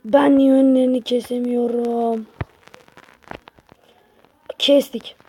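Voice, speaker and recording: A woman's voice: a little high, little pitch movement, slow, dark tone, slight background noise. A woman giving casual gameplay commentary to her viewers, grumbling and exasperated as she plays. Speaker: gaming channel host.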